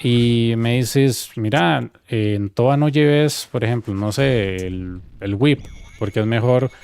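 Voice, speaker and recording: A man with a Costa Rican accent chatting on a gaming stream, telling an animated story and acting out quoted dialogue. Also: medium pitch, slow pace, creaky, clear, resonant tone. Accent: Costa Rican Spanish. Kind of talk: casual gaming stream chat.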